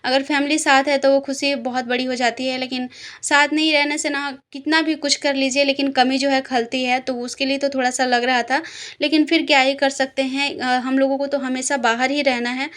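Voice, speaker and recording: A woman's voice: high voice, level tone, normal speed, fairly bright tone. A young woman, a mother, telling her vlog story in a chatty, rambling voice-over full of fillers, tired from a headache. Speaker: vlogger, mother. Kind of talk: casual voice-over narration.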